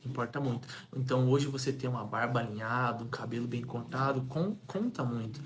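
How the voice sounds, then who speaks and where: A young man from Brazil delivers a motivational sales talk at a middle pitch. He talks energetically, repeats himself and poses rhetorical questions. A faint hiss of noise sits behind him. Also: brisk. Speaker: sales coach.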